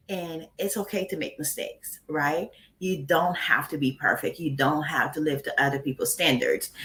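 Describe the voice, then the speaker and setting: Blunt, bright-voiced woman from Haiti. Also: low-pitched. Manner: blunt, candid, laughs often. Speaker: guest. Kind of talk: casual interview talk.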